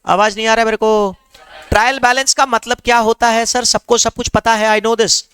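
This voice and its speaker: A male accounting teacher drilling his class with rapid questions and demanding quick answers. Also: extremely high pitch, steady tone, a bit bright, clean tone, soft background music.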